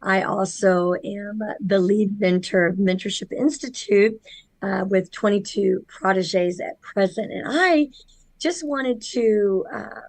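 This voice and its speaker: Woman minister, Southern accent, unhurried and earnest, dry close recording. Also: mid-range voice, dry recording. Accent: Southern American. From Missouri. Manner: earnest, unhurried, frequent fillers. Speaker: minister and conference speaker. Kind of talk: casual chat.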